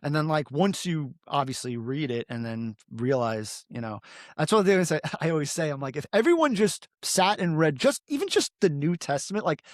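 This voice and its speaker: A man's voice: on the high side, animated, normal speed, no echo, clean studio sound. A man in his thirties, a podcast host, talking casually and rambling with lots of filler words. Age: 30s. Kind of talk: casual conversation.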